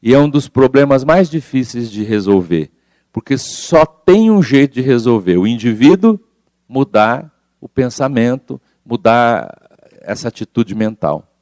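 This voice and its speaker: Male study leader, colloquial and explanatory, mid-pitched voice, dry close sound. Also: sing-song, unhurried, a little mellow, no room sound. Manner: colloquial, explains by acting out examples. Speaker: spiritist study group leader. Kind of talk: informal group study talk.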